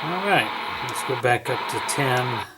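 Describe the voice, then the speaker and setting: Here a man with a mid-range voice sounds animated yet a little slow as he reviews a product hands-on, unscripted and casual, talking his thoughts through. He's inside a house, tucked under a kitchen-type cupboard, and radio static plus background hiss are clearly audible.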